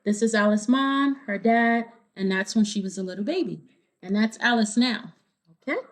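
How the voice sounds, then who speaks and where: Reading a children's storybook aloud, a woman stops now and then to explain things and check in with her young audience. Her voice sits on the high side.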